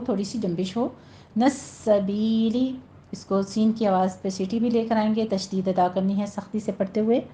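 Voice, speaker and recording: A woman teaching Quran recitation rules in a patient, instructive way, drawing out slow examples. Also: mid-range voice, mellow. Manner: patient, instructive, drawn-out demonstrations. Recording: dull lo-fi audio.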